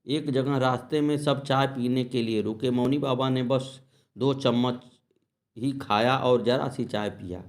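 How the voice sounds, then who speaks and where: A man telling devotional stories in a measured reading voice, softly murmuring short invocations between episodes. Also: medium pitch, fairly even intonation. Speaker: devotional storyteller. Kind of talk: devotional story narration.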